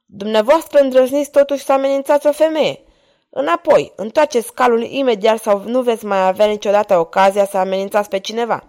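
A woman voicing a proud, brash young French knight who talks loudly and boldly. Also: mid-range voice, natural voice. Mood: fierce. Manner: loud and bold.

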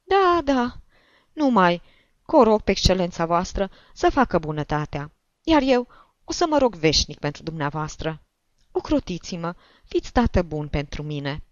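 Shrill old woman, squeaky and whining, pitch leaping wildly, dull lo-fi sound. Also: big pitch swings, no echo. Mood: pleading. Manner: whining, indignant, loud. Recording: dull lo-fi recording.

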